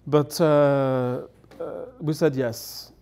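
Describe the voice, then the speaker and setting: A middle-aged man who speaks English natively, here as a guest elder, tells chatty anecdotes at a table before dark studio curtains. His voice leans high, smooth and a little mellow, with a steady tone and drawn-out words, punctuated by laughter and acted-out quotes.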